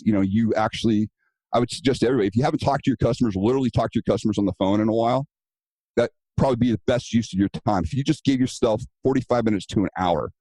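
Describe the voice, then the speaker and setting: Low-voiced man telling a story. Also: warm tone, no room sound, low-quality recording. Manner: storytelling, acting out quoted dialogue; earnest, advice-giving. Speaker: guest, self-defense business owner. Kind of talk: casual interview talk.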